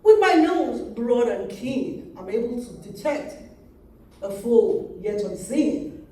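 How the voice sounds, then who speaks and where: A woman in her forties with a Yoruba accent, a native Yoruba speaker, reading her poems in a slow, measured way. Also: fairly high pitch, animated, warm tone. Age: 40s. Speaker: poet. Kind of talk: poetry reading. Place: reading event hall. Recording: very echoey room, mic far off.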